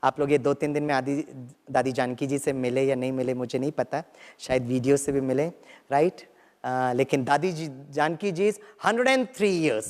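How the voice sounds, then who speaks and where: A man's voice: medium pitch, normal speed. A man from Kerala whose first language is Malayalam, leading an audience in a guided meditation talk. He mixes English phrases into his speech and keeps asking "right?". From Kerala, India. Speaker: spiritual teacher. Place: large lecture hall with an audience. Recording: long reverb in a hall.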